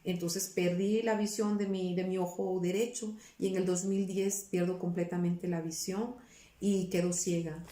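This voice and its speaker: Earnest woman pastor with a mellow voice. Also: lowish voice, little pitch movement, normal speed, echoey room. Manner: earnest, searches for words with many restarts. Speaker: pastor giving her testimony as interview guest. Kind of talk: personal testimony in a casual interview.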